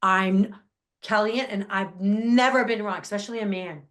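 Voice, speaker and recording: A middle-aged woman hosting a podcast, telling stories in a lively, casual way with frequent laughter and fillers. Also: medium pitch, normal speed. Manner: animated, laughs often, many fillers. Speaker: podcast host. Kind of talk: casual chat, storytelling.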